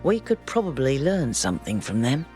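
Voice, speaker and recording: A man playing a grumpy old robot engineer in a video game, gruff, irritable and sardonic. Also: medium pitch, big pitch swings, normal speed, a little mellow, faint music behind, close to an everyday voice. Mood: dry, grumbling. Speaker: game character. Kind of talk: video game character dialogue.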